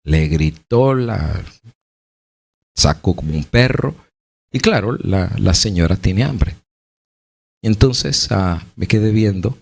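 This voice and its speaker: Male pastor, Mexican accent, low voice, storytelling sermon, rhetorical questions. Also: animated, slow pace, creaky, pauses often, breathy edge. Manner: conversational, vivid, with rhetorical questions.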